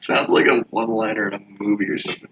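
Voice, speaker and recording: A podcast co-host in casual chat, chiming in with quick quips. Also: mid-range voice, fairly bright tone, rough recording.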